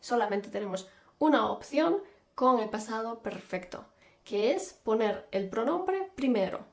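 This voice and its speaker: A woman teaching a language lesson, speaking slowly and clearly and repeating example phrases one by one. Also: on the high side, animated. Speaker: Spanish teacher.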